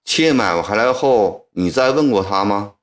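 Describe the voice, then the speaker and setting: A man voicing a measured elderly Qing viceroy. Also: lowish voice, lively intonation. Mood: grave, coaxing. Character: stern elderly male Qing viceroy, judge.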